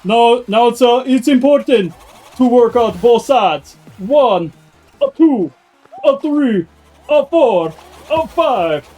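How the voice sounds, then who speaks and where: A streamer voicing a male Austrian fitness trainer in a mock Austrian accent, counting out reps in a loud, slow drill cadence. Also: medium pitch, lively intonation, pitched above the performer's own voice. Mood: commanding.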